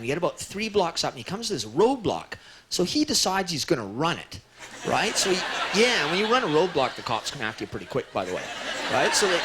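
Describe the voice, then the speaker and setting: A young man doing a stand-up comedy routine on stage, telling stories animatedly and acting out the people in them. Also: on the high side. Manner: animated storytelling, acts out characters, frequent "right?" and "you know?". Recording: loud audience noise in a broadcast stage recording. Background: audience laughter.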